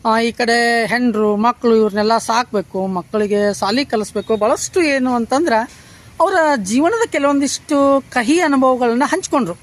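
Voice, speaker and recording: A male interviewer, introducing a guest and asking steady questions in a casual interview. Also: extremely high pitch, normal speed. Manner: steady, prompts with short hums.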